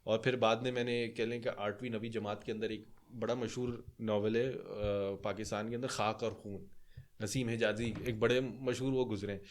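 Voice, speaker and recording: A young Pakistani man co-hosting a podcast chats casually in a lowish, steady voice, rambling his way through a story with lots of filler words.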